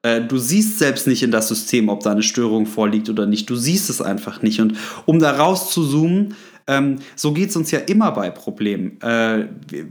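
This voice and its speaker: A man hosting a solo podcast, speaking directly to the listener with advice, often pausing with fillers and restarting his sentences. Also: medium pitch. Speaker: podcast host.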